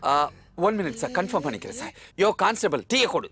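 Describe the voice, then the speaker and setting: An actor playing a pompous police officer who barks orders, with music in the background. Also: male voice, sits high, big pitch swings, quick pace. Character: blustering self-important police officer man. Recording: film soundtrack with background music.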